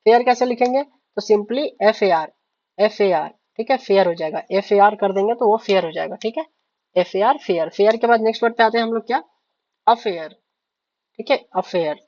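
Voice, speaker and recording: A woman's voice: medium pitch, normal speed, darkish tone. A woman teaching shorthand in mixed with spoken. She goes word by word, spells out letters and keeps checking that the class is following. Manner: repeats words, spells letters out, keeps asking "ठीक है?". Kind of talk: step-by-step lesson, writing on a board. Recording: slightly dull, lo-fi sound.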